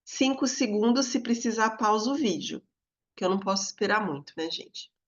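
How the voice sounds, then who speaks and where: In a recorded video lesson, a calm teacher with a Brazilian Portuguese accent stretches words into a sing-song to mark their stress. Her voice sits in the mid-range, and the audio is dull.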